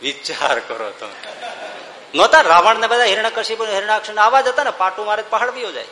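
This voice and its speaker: A man delivers a devotional discourse, driving his points home with rhetorical questions and slow chanted verses. His voice is bright and forceful, a little higher than most men's. It rings out in a large reverberant hall with faint ambience behind it. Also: lively intonation. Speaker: spiritual discourse speaker.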